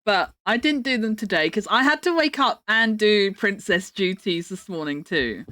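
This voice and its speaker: Bright-voiced British woman streamer, cute and playful. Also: mid-range voice, lively intonation, moderate pace, no echo, studio quality. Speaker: livestream host. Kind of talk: casual livestream chat.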